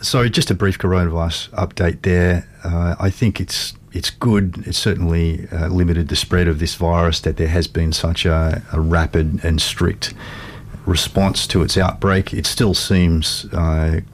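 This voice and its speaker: Male co-host: deep, flat intonation, measured conversational explaining, faint rumble behind. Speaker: radio show co-host. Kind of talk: conversational current-affairs discussion.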